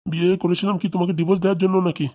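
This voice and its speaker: A woman voices a flustered cartoon schoolmaster with a very low, heavy voice who rattles off quick, defensive lines. He pleads and haggles, always sounding cornered. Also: level tone, mellow, natural voice. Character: stingy remarried male schoolmaster, flustered.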